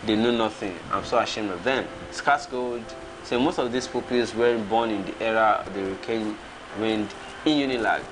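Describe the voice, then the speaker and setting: A man's voice: on the low side, moderate pace, over music. A Nigerian man in his thirties, hosting a casual livestream and reading out viewer comments, chuckling and reacting as he goes. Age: 30s.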